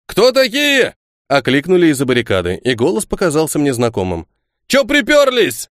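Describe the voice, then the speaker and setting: A man voicing a blunt bearded peasant, a former sergeant, who speaks in a rough village dialect. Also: mid-range voice, big pitch swings, quick pace, no room sound, close to an everyday voice. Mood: gruff challenge.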